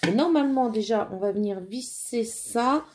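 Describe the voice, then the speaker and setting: Woman, home crafting vlogger, slightly high, casual and rambling, faint noise behind. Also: normal speed, darkish tone. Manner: chatty, thinking aloud with fillers and little "tac" sounds. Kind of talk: casual hands-on crafting chat.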